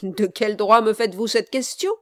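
A woman's voice: mid-range voice, normal speed, lightly acted. A woman reading an audiobook, voicing a stiff, haughty bridegroom who answers curtly. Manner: curt, impassive.

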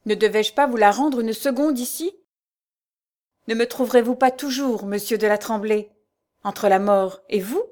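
A woman's voice: on the high side, unhurried, a little mellow, natural voice. A woman reading the part of a young woman who speaks with exalted, pleading devotion in a storybook reading. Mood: fervent.

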